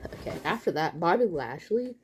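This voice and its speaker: A young woman vlogger giving a rambling, excitable, slang-filled casual recap of a wrestling event. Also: on the low side, moderate pace, slight background noise.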